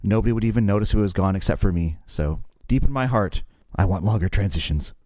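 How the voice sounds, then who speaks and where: A man's voice: on the low side, fast talker, a little mellow, no room sound, clean studio sound. A man co-hosting a podcast, explaining songwriting in a casual, self-deprecating way. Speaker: podcast co-host.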